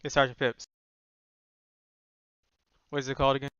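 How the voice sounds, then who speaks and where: Male military-sim player, bright and crisp, procedural radio talk and casual squad chat. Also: medium pitch, level tone, moderate pace, no room sound, dull audio.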